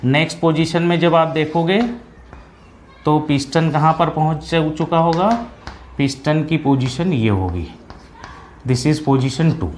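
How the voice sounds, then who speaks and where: Male engineering tutor, higher-pitched voice, unhurried delivery, dictates slowly and checks in often. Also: a little hiss or hum. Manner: slow dictation of problem text, quick asides with repeated "है ना". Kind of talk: whiteboard lecture.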